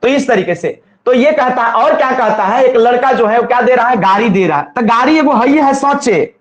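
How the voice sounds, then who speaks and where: A man's voice: extremely high pitch, expressive, normal speed. Jharkhandi guy teaching a class, keeps repeating stuff, kinda dull muffled recording. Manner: repetitive call-and-response, drilling students. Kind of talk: exam-coaching lesson. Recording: echoey room, slightly dull sound.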